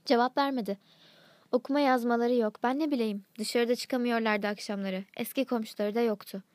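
A woman reading a literary short story aloud in calm, measured narration. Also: on the high side, no echo.

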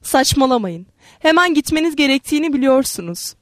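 A wounded young man speaks with quiet, steady resignation, as a woman narrator reads him. The voice sits fairly high. The sound is dry and close. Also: brisk, no room sound. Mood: calm. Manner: calm, steady.

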